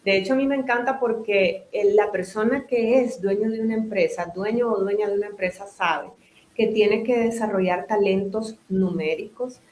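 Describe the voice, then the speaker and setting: A woman's voice: medium pitch, moderate pace, a little mellow. Chatty Nicaraguan woman in an echoey room. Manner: talkative, explains with restarts and asides. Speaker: guest, business owner and psychotherapist. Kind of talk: interview conversation.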